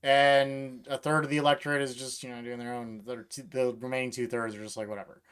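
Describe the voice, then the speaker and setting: A man's voice: medium pitch, level tone, brisk, fairly bright tone, smooth. A man co-hosting a podcast, arguing politics in a wry, casual way with dry asides. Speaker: podcast co-host.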